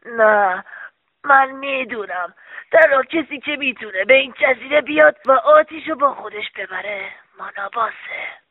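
A woman voicing an old male sorcerer in a children's audio story, speaking in loud exclamations. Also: high voice, dry recording. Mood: upset. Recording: dry, phone-like sound.

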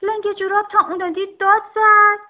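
A woman reading a children's storybook aloud in an expressive, sing-song manner, on a dull lo-fi recording. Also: very high voice. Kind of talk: storybook narration.

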